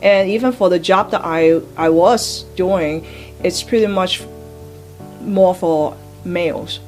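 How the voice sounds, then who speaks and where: Woman from Hong Kong, navy veteran, low voice, earnest, light music behind. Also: slow, a little mellow. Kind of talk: interview testimony.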